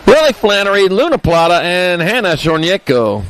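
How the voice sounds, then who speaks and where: Heard on a rough recording, a man calls a live race in a high, sing-song, slightly bright voice. Quick rider call-outs and results alternate with joking asides.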